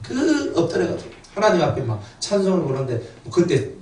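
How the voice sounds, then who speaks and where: A man's voice: sits high, sing-song, brisk, a little mellow, a little hiss or hum. A middle-aged male pastor gives an emotional sermon, telling his own life story and acting out family quotes. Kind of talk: sermon with personal testimony. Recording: roomy, distant church mic with faint ambience.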